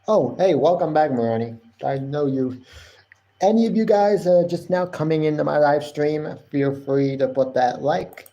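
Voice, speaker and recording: A man's voice: on the high side, moderate pace, mellow, muffled recording. A man hosting a wrestling podcast live stream, rambling casually and often repeating and correcting himself.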